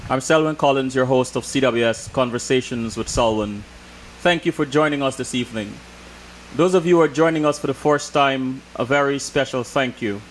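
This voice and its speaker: A male talk show host conducts a formal interview in a measured, even, mid-pitched voice. A steady air-conditioning hum runs noisily behind him.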